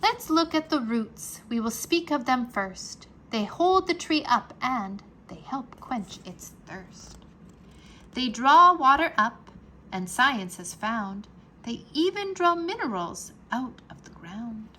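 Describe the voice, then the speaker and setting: A teacher reads a rhyming nonfiction children's book aloud in a bright, animated voice pitched fairly high. She enunciates expressively and deliberately for her young audience, with a little background noise present.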